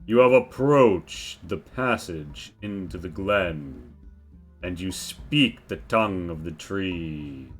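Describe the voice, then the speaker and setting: A man's voice: deep voice, expressive, slow, soft background music, full character voice. A man voicing an ancient, stately talking tree, a spirit of the land with archaic phrasing, in a tabletop role-play. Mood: solemn, challenging.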